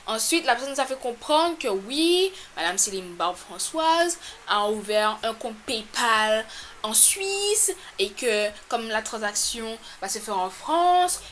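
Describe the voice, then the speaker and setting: A woman telling a storytime to her camera in a casual, animated, exasperated way, with sudden loud jumps in pitch. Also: a little hiss or hum. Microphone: camera mic.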